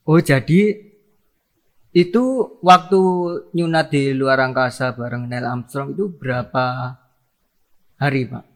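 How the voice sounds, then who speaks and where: A man's voice: mid-range voice, fairly even intonation, takes it slowly, long pauses. A man interviewing a guest in casual chat, asking short questions between murmured replies.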